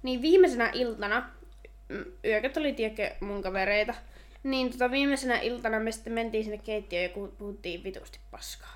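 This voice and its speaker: A young woman co-hosting a podcast, chatting loudly and giggling, swearing freely as the drinks flow. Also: on the high side. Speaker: podcast co-host. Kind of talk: casual tipsy chat.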